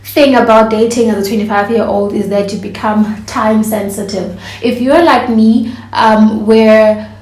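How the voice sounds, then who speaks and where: A woman's voice: a little high, steady tone, unhurried, darkish tone. A woman, chatting casually to camera as a vlogger and laughing often. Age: 20s. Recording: echoey room.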